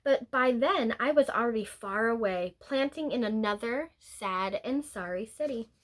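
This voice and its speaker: In a low-quality recording, a woman with a fairly high-pitched voice reads a picture book aloud the way a teacher would. Her scripted narration is deliberate and expressive, with drawn-out words, pauses and a few brief asides.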